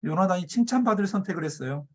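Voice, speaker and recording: A male pastor preaching a sermon, acting out scripture characters' lines with shifting pitch and loudness. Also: lively intonation, fast. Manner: acts out biblical quotes with shifting pitch and loudness.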